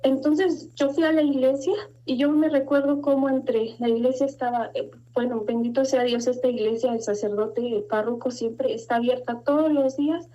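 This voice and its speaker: A middle-aged woman giving an earnest, halting personal testimony of faith and fear, her voice rising as she recalls her fears. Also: sits high, steady tone, mellow. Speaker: guest giving a religious testimony. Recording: dull lo-fi sound.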